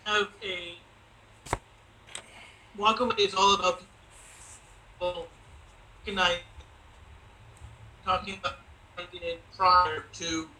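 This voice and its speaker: Give me a man on a remote video call, his voice coming through glitchy and warbling, speaking haltingly with many fillers. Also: sits high, little pitch movement, pushed and bright, poor audio. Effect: glitchy, warbling video-call audio. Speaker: livestream guest. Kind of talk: casual political talk.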